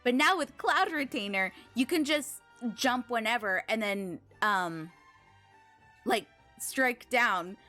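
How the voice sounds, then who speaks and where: With a fairly high, sharp voice and lively intonation, this woman takes her time as she talks with her stream viewers. She's a video game livestreamer, thankful and effusive, sprinkling in girlish slang over background game music.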